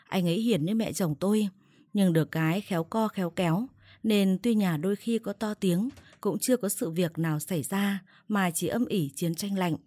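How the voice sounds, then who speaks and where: Woman reading a family drama story, husky low voice, dry close mic. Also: normal speed, warm tone, dry recording. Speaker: narrator. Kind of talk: scripted first-person storytelling.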